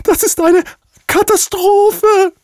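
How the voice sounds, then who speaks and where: A storyteller voicing a panicky, dramatic female goose with a squeaky voice in a children's story. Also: steady tone, slow, darkish tone, no room sound, clean studio sound. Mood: panicked wailing. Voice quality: squeaky, very high.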